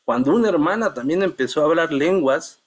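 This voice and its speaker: A middle-aged man giving an earnest, halting testimony in a church Bible class, often calling his listeners brothers. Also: on the high side, animated.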